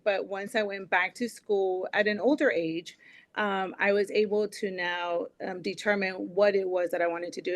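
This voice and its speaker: A woman's voice: mid-range voice, no echo. Earnest woman with a dry close sound. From Texas. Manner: earnest, filler-laden personal account. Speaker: dean of student success, panelist. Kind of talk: webinar panel introduction.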